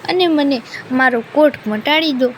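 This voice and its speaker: A woman's voice: high voice, moderate pace, a little hiss or hum, lightly acted. A woman voicing a humble, cursed priest in a devotional storybook tale, imploring.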